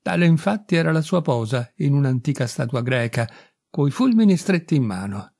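A man calmly narrating a literary story as an audiobook reader, in a measured, mildly ironic manner. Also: mid-range voice, creaky, dry recording, studio quality.

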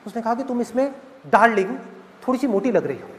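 A man's voice: very high voice, fast, long reverb tail, background noise. A man playing an indignant young wife. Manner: complaining, dramatic. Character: young married woman, indignant and demanding, phoning her father.

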